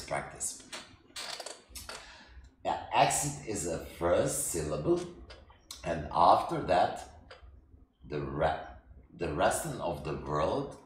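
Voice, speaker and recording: A man who is not a native English speaker teaches a language lesson in halting English, repeating himself with many fillers. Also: deep voice. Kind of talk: slow spoken language lesson. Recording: echoey room with faint noise.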